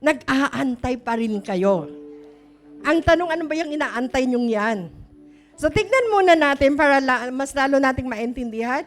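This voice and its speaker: Woman, middle-aged, pastor, chatty sermon, high voice, faint music behind. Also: animated, normal speed. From Philippines. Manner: chatty, storytelling, addresses congregation with questions.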